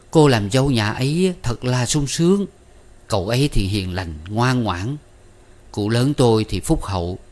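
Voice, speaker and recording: A man's voice: mid-range voice, a little mellow, voice pushed up, natural voice. A man voicing a fawning, chatty middle-aged woman matchmaker who coaxes and wheedles in an audiobook reading. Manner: wheedling, coaxing, persuasive.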